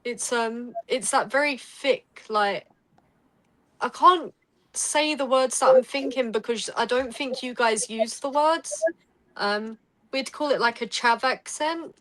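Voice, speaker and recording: A woman from Essex with an Essex English accent and a soft, calming voice, chatting casually as a guest psychic on a podcast. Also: fairly high pitch, takes it slowly, rough recording. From England.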